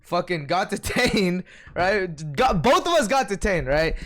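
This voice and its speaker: A man's voice: high-pitched, sing-song, measured pace, a bit bright. A young man livestreaming, telling a story in slangy, profane casual chat and reading viewer comments.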